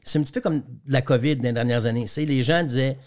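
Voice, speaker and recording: On a radio interview, a Quebecer with a Quebec French accent, a guest trainer and speaker, walks through business examples. He talks quickly in a mid-range, slightly mellow voice and often repeats words as he goes.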